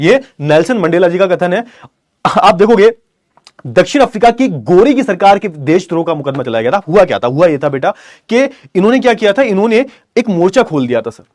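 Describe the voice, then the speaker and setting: Male online tutor, high pitch, dead-dry mic, question-and-answer lecturing with lots of repetition. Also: a little mellow, no echo. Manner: explains by asking and answering his own questions; repeats key phrases, calls students beta. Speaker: teacher.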